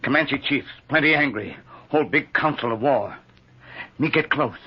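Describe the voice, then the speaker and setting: Tonto, terse stoic scout. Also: male voice, mid-range voice, normal speed, husky. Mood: grave, stoic. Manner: terse broken pidgin English. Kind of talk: old-time radio western acting. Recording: muffled, noisy old radio recording.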